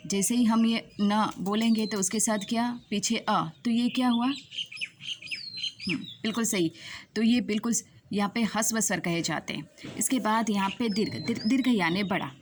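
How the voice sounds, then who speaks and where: A woman teaching a grammar lesson to students, asking questions and slowly repeating each key definition. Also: medium pitch, slight background noise.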